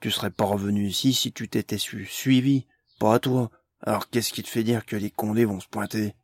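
A man voicing a big, foul-mouthed male ogre who talks gruffly, with slang and sarcasm. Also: lowish voice, steady tone, brisk, no echo, studio quality.

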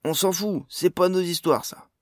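A man's voice: high voice, moderate pace, dry recording, studio quality, pitched above the performer's own voice, natural voice. A man voicing a hotheaded young male dwarf thug in an audiobook, aggressive and taunting.

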